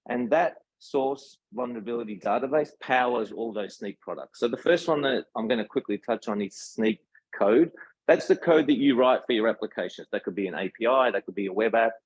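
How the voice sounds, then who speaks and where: An Australian man with a mid-range voice and a breathy edge presents an informal technical talk at a meetup for his tech company. His style is conversational, full of questions to the audience and the tag "right?". The recording has no room sound and is low in quality.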